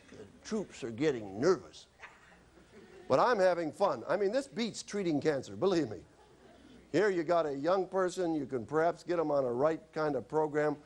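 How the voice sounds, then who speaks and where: A man's voice: fairly high pitch, a little mellow. A man who is a doctor, telling chatty, wry anecdotes in a health lecture. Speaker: doctor giving a stop-smoking talk.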